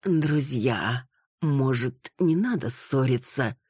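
A woman's voice: deep voice, big pitch swings, slow, darkish tone, husky, no echo, clean studio sound, exaggerated voice. A woman voicing a timid middle-aged man, a cemetery director who tries to stop a fight and panics. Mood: alarmed.

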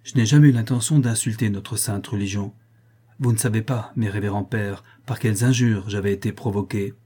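A man's voice: lowish voice, fairly even intonation, brisk, dark tone, slightly rough. A man voicing a defiant young nobleman accused before a tribunal, speaking with raised, indignant force.

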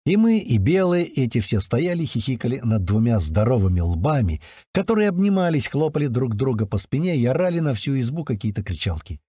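Husky male audiobook narrator. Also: mid-range voice, brisk, no room sound, studio quality. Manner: colloquial storytelling with lively intonation. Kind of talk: first-person audiobook narration.

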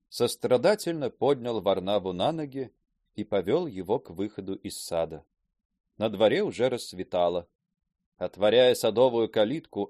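Expressive male audiobook narrator. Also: fairly low pitch, no room sound, studio quality.

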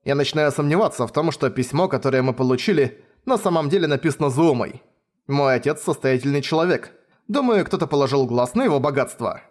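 A man's voice: medium pitch, lively intonation, brisk, natural voice. A man voicing a haughty, prissy young nobleman in an audiobook reading, with a sneering, affected delivery. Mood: smug.

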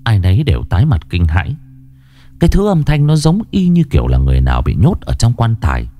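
A man narrating a ghost story in an expressive, dramatic way. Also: quick pace. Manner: expressive, swinging pitch. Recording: narration over background music.

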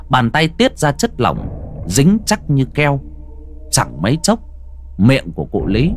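A man narrating a ghost story theatrically, dropping to a hush and rising sharply. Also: mid-range voice, a little hiss or hum. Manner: theatrical, swings from hushed to loud.

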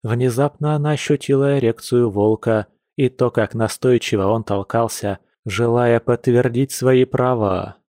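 A man narrating a romance novel in an even, measured reading voice. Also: medium pitch, no room sound, clean studio sound. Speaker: audiobook narrator.

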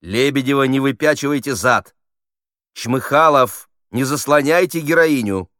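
A man's voice: medium pitch, lively intonation, moderate pace, fairly bright tone, dry recording, studio quality, pitched above the performer's own voice, natural voice. A man reading aloud, voicing a pompous army officer who barks orders while directing amateur actors. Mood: commanding. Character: bossy fussy male army officer directing a play.

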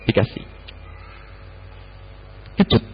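A man preaching a sermon, dropping to low murmurs and jumping to high exclamations as he acts out dialogue. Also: extremely slow. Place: large mosque hall. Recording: muffled hall recording with long reverb.

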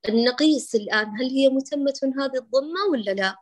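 Patient woman teaching recitation. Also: sits high. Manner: patient, affectionate, demonstrates sounds slowly. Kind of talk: correcting recitation in an online lesson.

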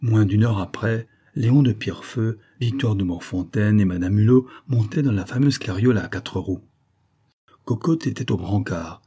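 Low, husky male narrator. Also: moderate pace, mellow. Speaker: audiobook narrator. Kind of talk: scripted narration of a classic novel.

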